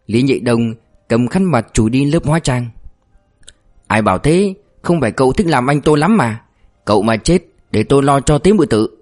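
A man narrating a novel as an audiobook in a steady storytelling way. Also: medium pitch. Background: faint music.

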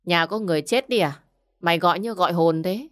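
A woman's voice: fairly low pitch, a little fast, natural voice. A woman voicing a rude, stingy middle-aged village man who scolds curtly. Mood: scolding. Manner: scornful, scolding, curt.

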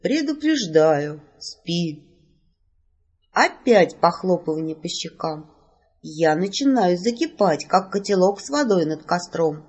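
A woman narrating a first-person fantasy audiobook with an expressive, lively delivery. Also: on the low side, measured pace, slightly rough.

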